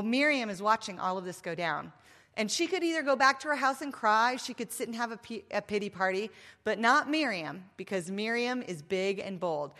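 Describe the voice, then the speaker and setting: A woman in her fifties speaks at a women's event, giving a faith talk into a microphone before a live audience. Her slightly high voice has a fairly bright tone, and she is emphatic and playful, full of asides, with the long reverb of a large hall around her.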